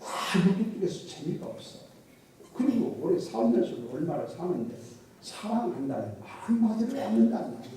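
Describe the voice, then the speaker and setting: Here a middle-aged pastor's voice sits high and sing-song, mellow and at a moderate pace, with a touch of hiss or hum. Preaching in a church sanctuary, he tells folksy tales laced with jokes and dialect impressions, recorded from afar in an echoey hall.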